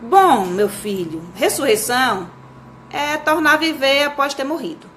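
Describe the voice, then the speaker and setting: A woman's voice: high-pitched, sing-song, unhurried, a bit bright, slight background noise, heavily acted. A woman reading aloud and voicing an indignant, pious mother who scolds her son. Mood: scolding.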